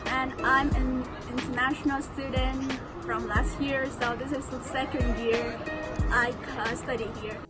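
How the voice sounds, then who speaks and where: High-voiced Vietnamese-accented young woman. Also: fairly even intonation, unhurried, rough recording. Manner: careful, earnest, non-native phrasing. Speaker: international student. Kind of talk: scripted personal account. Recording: loud music and crowd chatter behind.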